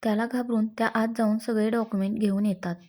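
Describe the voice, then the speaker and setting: A woman's voice: a little high, level tone, fast, a little mellow. A woman narrating a dramatic family story, reading each character's lines in her own voice. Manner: reads every character's dialogue herself without changing voice.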